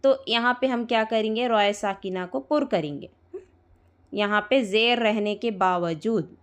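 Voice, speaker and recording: A woman teaching Quran recitation rules to students, patiently repeating points, spelling out letters slowly and checking often that they follow. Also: fairly high pitch. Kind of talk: live tajweed lesson to students.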